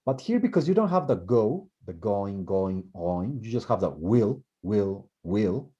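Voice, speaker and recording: A man's voice: fairly low pitch, big pitch swings, a little slow, dark tone. A man teaching grammar, thinking aloud with many repeated words and restarts. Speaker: language teacher. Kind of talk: explaining grammar in class. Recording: muffled lo-fi recording.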